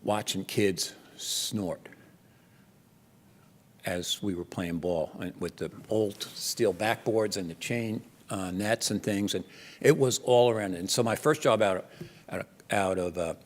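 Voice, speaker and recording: Speaking slowly in a lowish voice, an older man with a New Jersey accent gives a keynote at a conference. He's from Jersey City, and his animated, conversational talk is full of restarts, echoing with long reverb through a large lecture hall.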